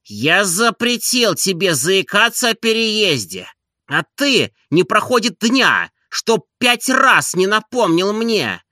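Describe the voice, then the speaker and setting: A man reading an audiobook and voicing an irritable, idle gentleman who scolds his servant in an exasperated tone. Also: high voice, big pitch swings, slow, no room sound, studio quality, voice pushed up, full character voice. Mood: scolding. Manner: exasperated, petulant.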